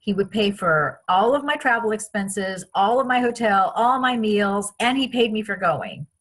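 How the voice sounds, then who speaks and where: Husky-voiced woman telling stories. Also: medium pitch, moderate pace. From France. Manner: chatty, animated retelling with many restarts. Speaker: interview guest. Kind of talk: casual interview storytelling.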